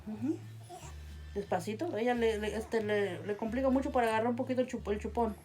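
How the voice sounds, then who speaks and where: Mother, gentle coaxing home-video talk, filmed on a phone, voice a bit high. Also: fairly even intonation, fast. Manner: soft coaxing, repeats endearments to the baby. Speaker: mother feeding her baby. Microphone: phone held by someone else.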